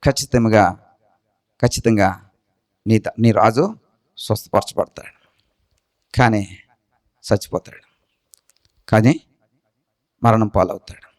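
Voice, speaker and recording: A man's voice: fairly low pitch, takes it slowly, pauses often, a little mellow. A man voicing a grave, sorrowful old male prophet in a sermon retelling, with a Telugu accent.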